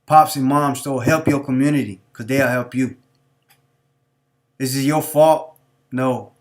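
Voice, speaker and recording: A man's voice: medium pitch, steady tone, measured pace. A man hosting a live stream, talking off the cuff in a preachy, repetitive, street-talking way. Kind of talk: unscripted monologue.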